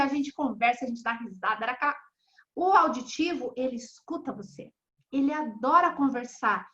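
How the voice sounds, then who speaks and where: A woman, a therapist and mentor, giving a chatty, animated online mentoring class and acting out little dialogues. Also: high voice. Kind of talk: online mentoring class over video call. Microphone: video call. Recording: slightly dull video call audio.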